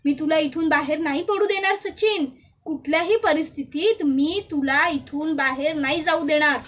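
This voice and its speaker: A woman's voice: extremely high pitch, fairly bright tone. A woman voicing a betrayed young woman who turns suspicious and vengeful, talking in an accusing, insistent way.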